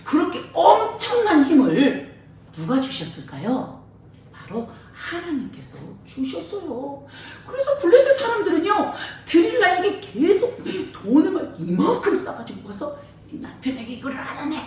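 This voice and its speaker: A woman preacher tells a Bible story to children with a lot of energy and frequent laughter. Her high voice swings widely up and down. She sounds far from the mic, and the church hall echoes heavily around her. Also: unhurried. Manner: lively, laughing, acts out voices.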